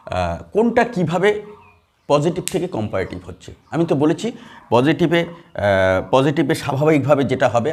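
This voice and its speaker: A man's voice: fairly high pitch, a little mellow, slightly rough. A man teaching English grammar in a classroom, explaining step by step with many fillers and questions to the students. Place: classroom with a board.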